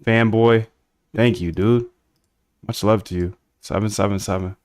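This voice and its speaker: A man's voice: fairly low pitch, steady tone, a little slow, a little mellow, dry recording. A man casually talking through his live coding stream, thinking aloud and answering chat bluntly. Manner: blunt, chatty, thinks aloud while working. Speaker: live-streaming developer of trading bots.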